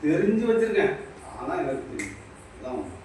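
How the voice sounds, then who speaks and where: A man's voice: on the high side, big pitch swings, a little fast. Preachy man, echoey distant recording. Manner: preachy, repetitive, addresses listener directly. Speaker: spiritual teacher. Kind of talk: impromptu spiritual talk. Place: small shop. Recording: very echoey, distant mic, faint noise.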